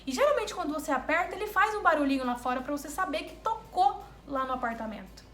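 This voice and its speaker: A Brazilian woman vlogger tells her viewers about a travel mishap, casual and animated, often repeating words for emphasis. Her voice is high and fast, and the sound is reverberant.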